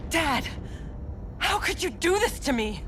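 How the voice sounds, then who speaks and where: An actress playing a young, defiant female soldier in a video game, urgent, forceful and fiercely emotional. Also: high-pitched, very animated, a little slow, slight background noise, full character voice. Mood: desperate, hurt. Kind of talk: dramatic video game acting.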